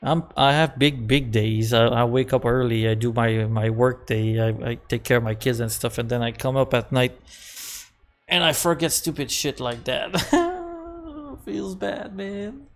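A Québécois French-speaking man in his thirties streams a game from a small room at home, chatting casually and laughing at himself. His medium-pitched voice has lively intonation and a measured pace. The commentary rambles and is self-mocking, full of chuckles and repeated words.

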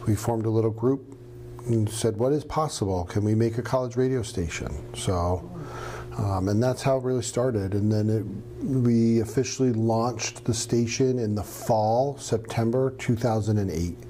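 A middle-aged man from New Hampshire, a radio professor answering interview questions in a relaxed, storytelling way with some fillers. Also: lowish voice, moderate pace, a little hiss or hum. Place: studio with green screen.

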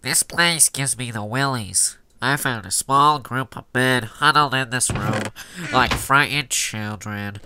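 A solemn male explorer captain , as a man puts him on recites his expedition log in a pinched, nasal tone. The voice sits bright and forceful, slow and grave in a homemade game video. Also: mid-range voice, a little hiss or hum, pitched below the performer's own voice. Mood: grim. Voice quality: nasal, pinched from a held nose. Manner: solemn diary-reading delivery.

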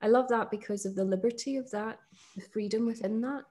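A middle-aged woman with a Northern English accent hosting a casual conversation about poetry, thoughtful and enthusiastic, with fillers and soft laughs. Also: a little high, steady tone, fairly quick. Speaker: podcast host.

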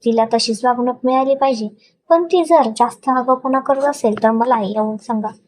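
A woman's voice: on the high side, normal speed, a little mellow, lightly acted. A woman reading the lines of a cold, domineering young husband in a storybook tale, speaking curtly and in command. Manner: curt, commanding.

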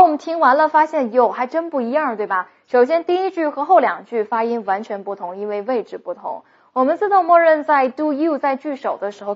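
A woman English teacher explaining pronunciation rules briskly and slowing down to model example sentences. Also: fairly high pitch. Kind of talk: recorded pronunciation lesson. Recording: muffled lo-fi recording.

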